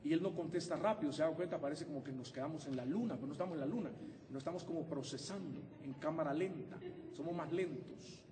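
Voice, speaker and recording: Male pastor, high voice, lively humorous sermon delivery, heard from a distance with a long hall reverb. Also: fast talker, background noise. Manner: animated and humorous, acting out husband-wife exchanges. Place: church sanctuary. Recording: echoey hall, preacher away from the mic.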